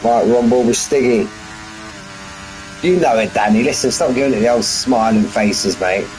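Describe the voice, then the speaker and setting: A man's voice: mid-range voice, normal speed, darkish tone, a little hiss or hum, rough recording. Bantering man calling a sim race. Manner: chatty, bantering with viewers, laughs often. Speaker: sim racing commentator. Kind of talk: live stream race commentary. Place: front room at home.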